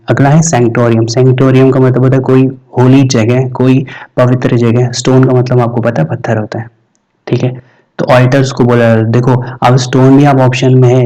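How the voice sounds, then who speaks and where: A man teaching exam vocabulary, explaining in Hindi and reading the English questions out slowly. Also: mid-range voice, mellow, distant mic, poor audio. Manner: explains in Hindi, reads English lines slowly, keeps asking "ठीक है?".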